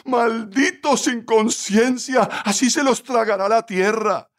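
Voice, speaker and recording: A man putting on an enraged young widow in a radio story, her voice climbing high as she cries out in defiance. Her outrage comes in loud, raised cries. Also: slow pace, exaggerated voice. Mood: furious.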